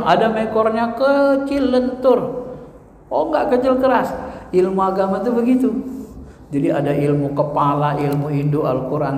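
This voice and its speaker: A man preaching a religious lecture in an animated way, posing rhetorical questions and answering them himself. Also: on the high side, slight background noise. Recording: echoey hall reverb.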